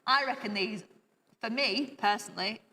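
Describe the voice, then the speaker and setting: A woman's voice: a little high, moderate pace, bright, forceful tone, in a large hall. A young woman co-hosting a casual live quiz stream, chatty and giggly, with frequent exclamations. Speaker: co-host.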